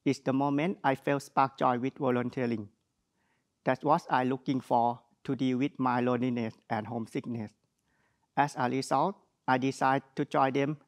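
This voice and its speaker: A man's voice: mid-range voice, steady tone, normal speed. Young man, Thai accent, earnest prepared speech, mid-range voice, light humor. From Thailand. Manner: earnest, plain wording with light jokes. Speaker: graduate speaker. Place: studio with virtual backdrop.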